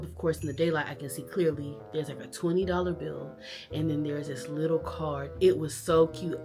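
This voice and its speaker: A woman vlogger with a deep voice casually tells a childhood story to camera, animated and acting out lines from her family members.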